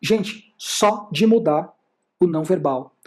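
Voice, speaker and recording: Brazilian Portuguese accent, sales instructor, slide lecture, explanatory, rhetorical questions, middle pitch. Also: takes it slowly. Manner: explanatory, asks and answers its own rhetorical questions.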